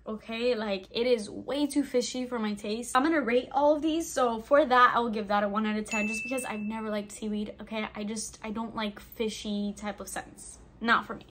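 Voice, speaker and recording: Young woman vlogger, slightly high voice, bubbly and chatty, filler-heavy casual talk. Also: fairly bright tone, slight background noise. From Albanian heritage. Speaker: vlogger reviewing snacks. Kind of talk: casual chat.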